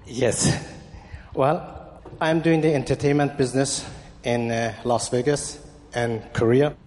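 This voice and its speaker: A man's voice: mid-range voice, steady tone, a little mellow, a little hiss or hum. Hesitant man from Iran, hall echo. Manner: hesitant, simple phrasing, halting. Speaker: audience member asking a question.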